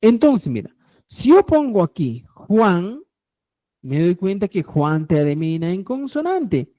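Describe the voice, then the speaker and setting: Woman teacher, patient and slow, low mellow voice with lively pitch. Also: lo-fi sound. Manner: slow, explanatory, repeats phrases and asks "¿ya?". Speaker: language teacher. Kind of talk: online grammar lesson.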